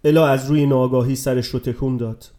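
A man narrating a story aloud in a calm, measured way. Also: mid-range voice. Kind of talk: audiobook narration.

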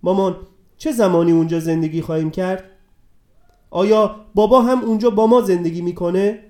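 A man reading a storybook, voicing an excited three-year-old boy who pleads with his mother. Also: close to an everyday voice. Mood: eager, pleading. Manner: high, eager and pleading.

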